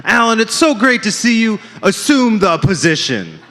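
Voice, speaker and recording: A man's voice: high-pitched, big pitch swings, normal speed, bright, forceful tone, voice pushed up, exaggerated voice. Fields: man doing a chipper flirty woman doctor. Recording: reverberant live comedy club.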